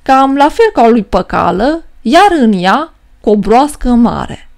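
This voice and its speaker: A woman narrating a rhymed folk tale for a filmstrip, reading with a steady verse rhythm. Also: on the high side, gravelly.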